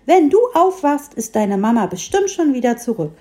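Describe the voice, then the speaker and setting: A small, kind fir tree from a storybook, soothing and friendly, as a woman puts it on. The voice sits a touch high and stays mellow and soft. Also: very animated, moderate pace.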